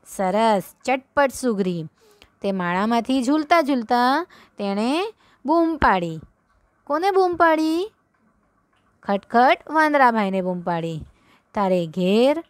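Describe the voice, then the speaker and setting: A woman's voice: fairly high pitch, dry recording. A woman teaching young children, reading a story aloud with them line by line, then explaining it and asking them questions. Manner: reads slowly, repeats lines, quizzes the children. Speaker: primary school teacher. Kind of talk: slow read-along story lesson for children.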